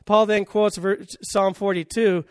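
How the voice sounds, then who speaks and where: High-voiced emphatic male preacher. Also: little pitch movement, a little slow, smooth, no echo, clean studio sound. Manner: emphatic, with rhetorical questions and swings in volume. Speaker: pastor. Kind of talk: sermon.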